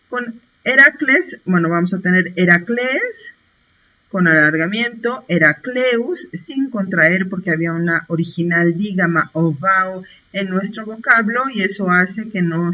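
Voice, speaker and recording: A woman teaching an online grammar lesson, patiently reciting word forms in a steady rhythm. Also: medium pitch. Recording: dull lo-fi recording with faint hiss.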